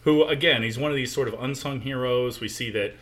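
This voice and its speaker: A man's voice: medium pitch, brisk, fairly bright tone. An American man hosting a podcast, talking in a laid-back, wry way. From United States. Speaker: podcast host. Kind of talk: casual chat.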